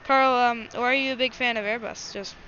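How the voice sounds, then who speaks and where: Casting: female livestream host, highish forceful voice, informal running commentary aimed straight at viewers. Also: fairly even intonation, fairly quick. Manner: informal, chatty, addressing viewers directly. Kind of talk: casual live plane-spotting commentary. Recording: dull lo-fi mic with faint noise.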